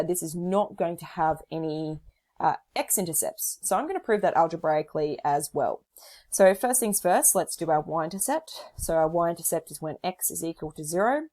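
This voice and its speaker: A woman with a low voice teaches a maths lesson, talking through each step of her working. Her tone is casual and a little hoarse. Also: a little mellow. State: slightly hoarse. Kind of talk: recorded whiteboard lesson.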